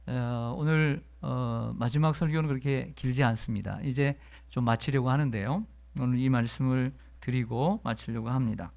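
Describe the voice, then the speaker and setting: A middle-aged male pastor preaching at a revival service in a church, lively and playful as he reads from the text. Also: mid-range voice. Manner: reads dialect versions of a psalm with lively playful delivery. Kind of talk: revival sermon. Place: church sanctuary.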